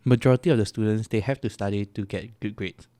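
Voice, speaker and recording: A young man, co-hosting a casual podcast chat. He talks in rushed run-on sentences with lots of fillers and sounds out of breath. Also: lowish voice, steady tone, warm tone, dry recording. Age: young adult. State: out of breath and shivering from cold. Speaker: podcast co-host.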